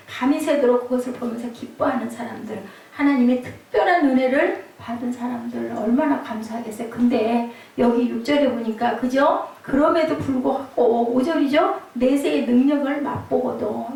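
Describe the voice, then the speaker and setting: Woman preacher, night service sermon, gravelly, keeps checking in with the room, recorded from a distance. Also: a little high, a little mellow. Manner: keeps checking in with the congregation with tag questions. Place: church sanctuary. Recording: very echoey hall, mic far off.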